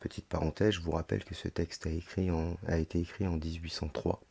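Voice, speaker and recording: A man's voice: low voice, flat delivery, fairly quick, gravelly, mellow, slightly rough. A man hosting a solo podcast, reading aloud and commenting with rhetorical asides, his throat sounding sore and swollen, as with tonsillitis. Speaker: podcast host. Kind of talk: monologue reading a text aloud with running commentary.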